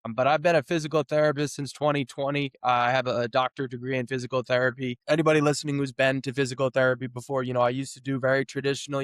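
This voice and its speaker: Smooth-voiced man of thirty, dry sound. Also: mid-range voice, no echo. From New England. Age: 30s. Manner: relaxed storytelling with many fillers and restarts. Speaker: guest, physical therapist. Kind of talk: casual interview talk.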